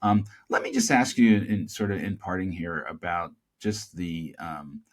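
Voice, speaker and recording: A male podcast host with a very low voice asks a guest long questions. He stops and restarts often and leans on fillers as he searches for his words. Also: steady tone. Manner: halting, many fillers, long winding questions. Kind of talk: interview questions.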